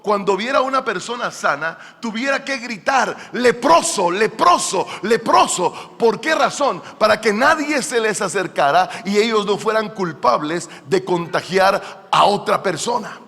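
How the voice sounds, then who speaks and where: A man preaching a fervent sermon as pastor in a church, addressing the congregation directly and swinging between quiet asides and loud emphatic calls. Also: high-pitched. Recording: long hall reverb.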